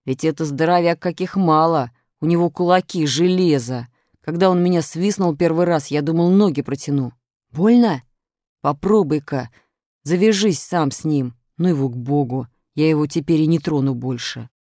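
A woman voicing a big, good-natured, slow schoolboy who talks plainly in a storybook reading. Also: low voice, warm tone, no room sound, studio quality, lightly acted. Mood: grumbling.

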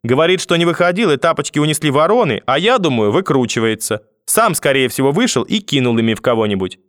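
Brief: elderly granny, foul-mouthed and shrieking at her grandson, a man doing the voice, high and loud, dry booth read. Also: big pitch swings, fast, no room sound. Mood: ranting. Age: older. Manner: shouting insults, high and loud. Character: shrill scolding old grandmother, furious and sharp-tongued. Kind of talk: audiobook character voice.

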